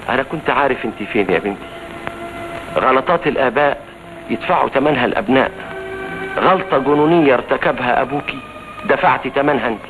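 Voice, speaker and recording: An actor playing a doting, sentimental older grandfather in a 1950s film, warm and pleading in manner. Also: mid-range voice, quick pace, pauses often, over music, close to an everyday voice, rough recording. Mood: remorseful. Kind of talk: 1950s Egyptian film acting. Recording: old film soundtrack, audible hiss.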